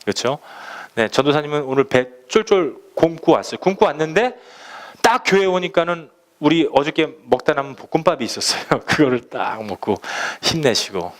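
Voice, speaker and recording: A middle-aged male pastor preaches in a chatty, animated way, jumping into acted-out prayers and shouted quotes. His voice rides a touch high and moves all over the place in pitch. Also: moderate pace. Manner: lively, conversational preaching that acts out prayers and quotes in sudden loud bursts. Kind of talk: sermon.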